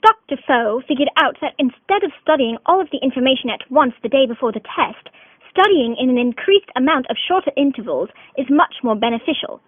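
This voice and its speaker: A woman's voice: sits high, expressive, fairly quick, no room sound. A woman narrating a student mock documentary in a dramatic announcer tone. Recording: dry, tinny phone-like voice-over.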